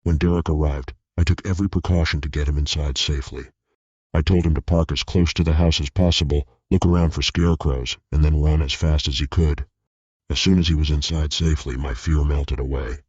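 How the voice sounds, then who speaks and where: Very deep-voiced man narrating a horror story. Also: a little fast, breathy edge, no room sound. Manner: steady, tense storytelling. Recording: dull lo-fi recording.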